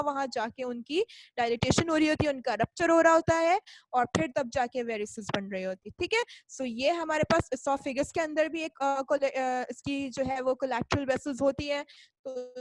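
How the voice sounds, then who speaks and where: A woman's voice: sits high, rough recording. A woman giving a medical lecture, explaining step by step, checking in with her listeners after almost every phrase and mixing English terms into her talk. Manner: mixes English medical terms into Hindi speech; playful asides. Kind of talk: recorded lecture.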